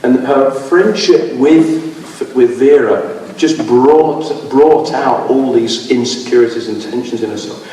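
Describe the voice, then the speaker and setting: A man with a mid-range, mellow voice speaks slowly while giving an informal public slide lecture. He rambles and drifts, with many fillers and restarts, and his voice is giving out. He is recorded from far off in an echoey hall.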